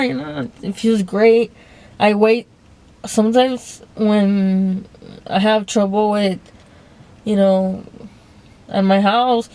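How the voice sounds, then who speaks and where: A woman's voice: mid-range voice, darkish tone. A young woman talking to her phone camera in a casual, confessional monologue, hesitant and rambling, often restarting and trailing off. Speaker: vlogger.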